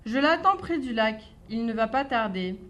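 A quick-witted little storybook mouse, played by a woman, high-voiced and full of bluff. She sounds sweet and boastful at once. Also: expressive, highs cut off, close to an everyday voice. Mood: sly. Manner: bright, sly, bluffing. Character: small clever boastful female mouse.

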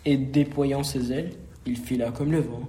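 A man reading a rhymed children's storybook aloud, slow and expressive. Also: medium pitch.

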